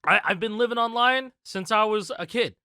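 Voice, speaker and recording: Bright, excitable slangy podcast guy. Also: high voice, moderate pace, clear, resonant tone, dry recording, studio quality. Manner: excitable, slangy, says dude and bro. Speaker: podcast co-host. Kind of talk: casual chat.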